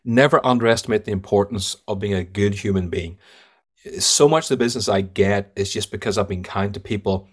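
Fairly low in pitch and a little fast, this man speaks with an Irish accent as a guest sales trainer on a podcast interview. He tells stories emphatically and offers blunt verdicts.

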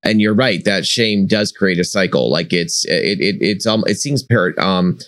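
A man's voice: low-pitched, measured pace, a bit bright, no room sound, clean studio sound. A man hosting a podcast, thoughtful and affirming toward his guest. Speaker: podcast host. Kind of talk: podcast interview.

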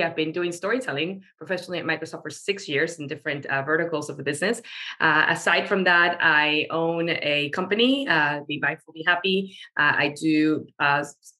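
A woman's voice: fairly low pitch, pushed and bright. A woman from Venezuela, a guest on a podcast interview, talking eagerly with plenty of fillers. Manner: eager, talkative, with frequent fillers. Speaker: guest, marketing storyteller.

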